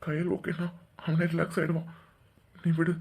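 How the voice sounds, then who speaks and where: A woman voicing a young man who quietly steadies a crying friend. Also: flat delivery, moderate pace, husky. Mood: hushed firm. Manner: low, firm, hushing.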